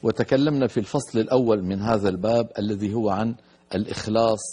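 A man hosting a broadcast Quran recitation lesson, explaining pronunciation and slowly drawing out letters and words to demonstrate them. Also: fairly low pitch, steady tone, mellow, husky. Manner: slow, drawn-out demonstration of letter sounds. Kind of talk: tajweed lesson on a broadcast program.

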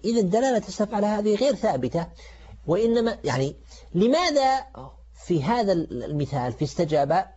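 Husky man lecturing in formal Standard Arabic. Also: on the high side, warm tone. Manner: halting, repeats words while explaining. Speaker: religious teacher presenting a show. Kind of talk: Quranic grammar lesson, semi-improvised lecture. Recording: dull, muffled lo-fi audio.

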